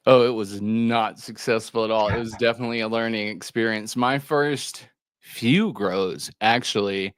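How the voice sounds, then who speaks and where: Male guest from Alabama, casual chat, easygoing storyteller, mid pitch. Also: fairly bright tone, no room sound, studio quality. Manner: friendly, laid-back storyteller. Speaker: guest grower. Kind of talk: casual podcast interview.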